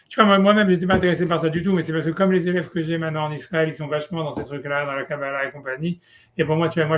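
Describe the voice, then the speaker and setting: A man's voice: on the high side, a bit bright, slight background noise. Casual, hesitant male rabbi teaching. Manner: casual, hesitant, many fillers and "tu vois"; mixes Hebrew terms into French. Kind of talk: informal one-on-one Torah lesson.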